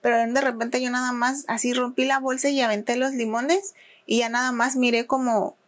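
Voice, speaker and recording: A woman with a Mexican Spanish accent, a podcast guest telling a story in casual chat. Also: normal speed. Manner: animated, acts out quoted people in higher voices.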